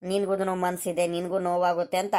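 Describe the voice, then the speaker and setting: A woman voicing a gentle grown child of a village family in a cartoon, a peacemaker. She speaks in a pleading, soothing way, repeating her calls. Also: on the low side, flat delivery, quick pace, lightly acted. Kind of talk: cartoon voice acting.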